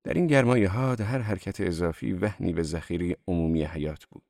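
Low-voiced man reading a novel. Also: no room sound, clean studio sound. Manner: calm, even literary narration. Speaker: narrator.

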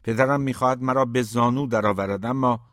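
A man's voice: medium pitch, steady tone, fairly bright tone, no room sound, clean studio sound, pitched above the performer's own voice, lightly acted. A man reading an audiobook, voicing a troubled young poet who speaks in a hesitant, subdued way.

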